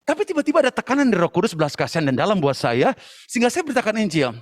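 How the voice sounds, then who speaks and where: A man preaching a passionate sermon to young people at an online church service, at times shouting and dropping English phrases into his talk. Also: sits high, wildly swooping pitch, racing. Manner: addresses listeners as brothers and sisters.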